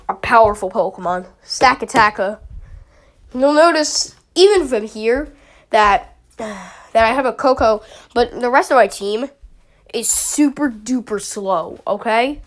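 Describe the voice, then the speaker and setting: This young woman's somewhat high voice is stuffy from a summer cold, and she sniffles as she talks. A YouTuber, she rambles chattily through an analysis of her draft league team, full of fillers, like loose gamer commentary.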